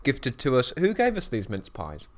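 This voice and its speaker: A man's voice: medium pitch, wildly swooping pitch, normal speed. A British man co-hosting a podcast in casual chat, jokey and laughing often as he talks from an office. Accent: British English. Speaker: podcast co-host. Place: office at a bird of prey centre.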